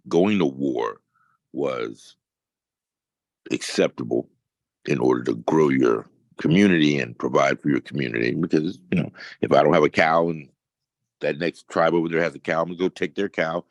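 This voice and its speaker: A man's voice: extremely low pitch, normal speed, no room sound. A man speaking on a discussion panel, musing and thinking aloud with restarts.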